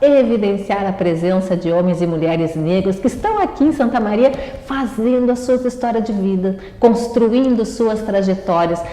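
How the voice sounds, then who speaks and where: A woman's voice: medium pitch, dark tone. A woman hosting a community talk show, enthusiastic and emphatic, echoing her guest's words. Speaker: host. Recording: echoey room with long reverb.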